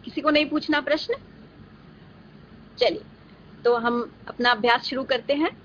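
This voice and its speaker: High, bright-voiced woman lecturer. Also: normal speed. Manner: patient, calls students "beta". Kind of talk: virtual class lecture with questions. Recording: dull lo-fi recording with faint hiss.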